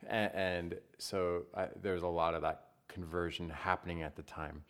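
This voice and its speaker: Pastor guy with a really low voice, thoughtful, lots of um and you know. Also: fairly even intonation, normal speed, fairly bright tone, clean tone. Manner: thoughtful, hedging with fillers. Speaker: Protestant pastor. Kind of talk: casual conversational discussion.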